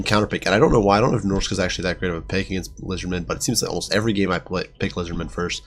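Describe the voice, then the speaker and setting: A man with a sick, nasal voice giving chatty game battle commentary, with many fillers. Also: low voice. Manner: chatty, quick, lots of fillers. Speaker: gaming commentator.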